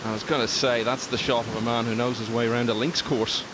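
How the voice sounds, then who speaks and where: A man's voice: mid-range voice, flat delivery, fast, noisy background. A man giving golf commentary as the lead voice, informative, setting out scores and player records.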